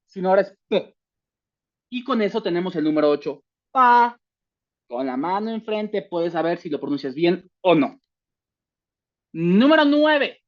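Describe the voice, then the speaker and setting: A woman teaching a language class online, slowing down to demonstrate each sound. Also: lowish voice, darkish tone, lo-fi sound.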